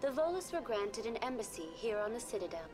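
Super smooth android lady tour guide, kinda high, polite and even, game music under it. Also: fairly quick. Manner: even, courteous, scripted tourist-guide delivery. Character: calm, polite female virtual guide program. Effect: smooth synthetic android-like voice.

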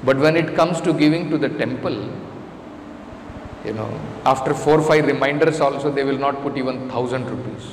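A man's voice: medium pitch, normal speed. Indian guy, middle aged, giving a scripture talk into a mic, roomy echo, bit of background noise. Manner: emphatic, repeating phrases for stress. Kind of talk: scripture lecture with everyday examples. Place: indoor temple lecture room. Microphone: stand microphone close to the mouth. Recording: roomy hall reverb, faint background noise.

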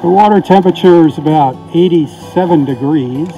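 This beach report comes from a man with a slightly high, mellow voice talking at a normal pace over soft background music while rain falls outdoors. Because the camera is sealed in a weatherproof housing, its mic makes him sound tinny and muffled. His manner is folksy and relaxed, and he ends by offering blessings.

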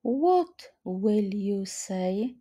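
A woman teaching vocabulary in a slow flashcard-style lesson, saying each phrase twice with deliberate care. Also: mid-range voice, lively intonation, dark tone, breathy edge. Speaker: language teacher.

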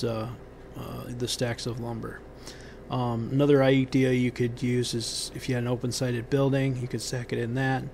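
A man giving unscripted how-to instructions on a building site outdoors, pausing often with ums and restarting his sentences. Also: medium pitch, darkish tone, slight background noise. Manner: halting, many ums and restarts.

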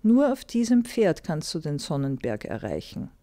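A woman reading a fairy tale aloud and voicing a mysterious old woman who guards a mountain path, with a calm, teasing manner. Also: low voice, normal speed.

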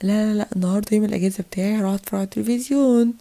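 Defiant young Egyptian boy, sulky, quick, woman voicing. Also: medium pitch, fairly even intonation, vocal fry, mellow, lightly acted. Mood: casual. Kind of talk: toy play voice acting.

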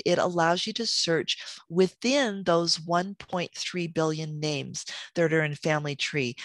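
A woman's voice: sits low, a bit bright, no echo. A woman teaching a beginner family history class, enthusiastic and friendly, her voice worn from talking. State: losing her voice.

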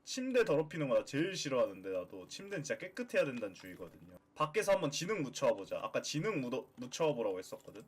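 A man streaming a game as a VTuber, chatting playfully with viewers and breaking into excited cheers. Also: mid-range voice, quick pace, few pauses, breathy edge. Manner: playful, excitable, shouts and cheers while playing. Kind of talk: live game stream chat.

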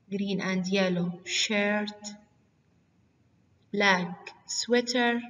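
A woman's voice: mid-range voice, fairly bright tone. A woman teacher giving a simple lesson to young children as if to toddlers, asking questions and answering them herself. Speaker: English teacher. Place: classroom, standing at a whiteboard, far camera at first. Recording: echoey hall, distant mic.

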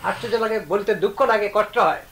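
A man giving an earnest devotional discourse, reasoning aloud and reciting verses slowly. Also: sits high, a bit bright, low-quality recording. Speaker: religious speaker.

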